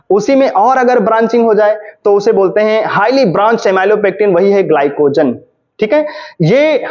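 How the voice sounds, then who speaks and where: High-voiced man giving a fast revision lecture. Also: a little mellow. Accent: Hindi-English mix. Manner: explains step by step, often asks and answers his own questions. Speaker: chemistry teacher. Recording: dull lo-fi classroom recording.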